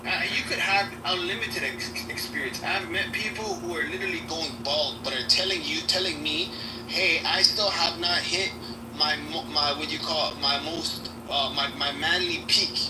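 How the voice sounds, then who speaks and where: A man's voice: fairly high pitch, moderate pace. A man in his late twenties arguing defensively, calling everyone "brother". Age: 20s. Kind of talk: casual chat. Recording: echoey room, far from mic, noisy.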